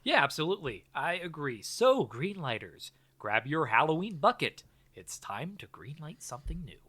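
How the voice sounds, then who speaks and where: A man's voice: a little high, big pitch swings, moderate pace, pushed and bright, slightly rough. A man co-hosting a podcast, talking casually with wry banter. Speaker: podcast co-host. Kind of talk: casual comic chat and film recap.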